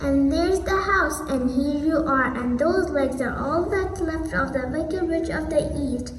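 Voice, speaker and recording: A young woman in a school play voicing a kindly good witch, gentle and a little muddled, with a reassuring way of speaking. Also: high voice, a little slow, faint music behind. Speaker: school skit actor. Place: school stage. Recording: echoey hall from far off.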